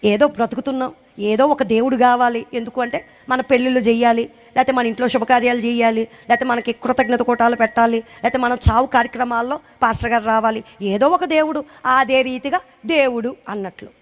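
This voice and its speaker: Speaking before the congregation, a newly widowed woman gives a fervent testimony, pitching up and getting loud whenever she stresses something and firing off rhetorical questions. Her pace is fairly quick, though her intonation stays fairly even.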